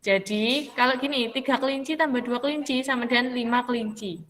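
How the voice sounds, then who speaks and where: A woman's voice: a little high, a little fast, big-room sound, noisy background. A woman teaching a math class, patiently questioning students and calling them by name.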